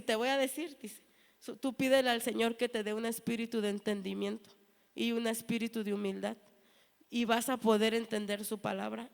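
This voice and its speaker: Woman, 30s, fairly high voice, earnest church testimony, long reverb of a big hall. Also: gravelly. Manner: earnest storytelling, acting out quoted dialogue. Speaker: church member giving testimony.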